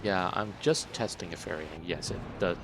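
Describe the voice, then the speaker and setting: A man's voice: low voice, brisk, noisy background. A man giving casual, sweary commentary while he plays a game, joking with viewers. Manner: sweary, jokey, chatting to viewers while playing. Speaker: let's play host. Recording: voice over loud game sounds.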